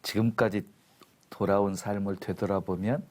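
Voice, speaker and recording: A man, a pastor, co-hosting a faith talk show and summing up in a calm, preacherly way. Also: lowish voice, moderate pace.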